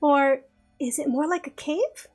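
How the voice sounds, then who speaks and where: A woman's voice: high voice, a little mellow, soft background music. A woman streaming a visual novel, chatting with viewers and reading the story aloud with frequent laughs. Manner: giggly and chatty, reads narration slowly.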